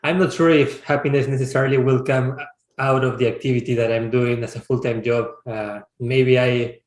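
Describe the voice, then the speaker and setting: A thoughtful man in his thirties from Peru talks through his answers in a relaxed interview. He sits at a middle pitch, often stops to rephrase, and the room gives his voice a noticeable echo. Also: normal speed. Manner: reflective, searching for words with frequent restarts. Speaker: startup founder and CEO. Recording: roomy, echoey sound.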